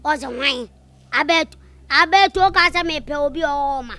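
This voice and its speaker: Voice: high-pitched, a little slow, bright, forceful tone. A performer with a Ghanaian accent and Twi as native language, playing a gossiping, indignant friend in an improvised comedy skit, with dramatic exclamations. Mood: scandalised. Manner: dramatic, exclaiming, repetitive storytelling.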